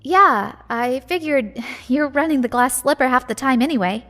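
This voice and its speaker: In a naturalistic audio drama, a woman plays a sly shop owner who is secretly an agent. Her high, slightly bright voice moves at a moderate pace, sounding breezy and apologetic, with a flippant, sardonic edge.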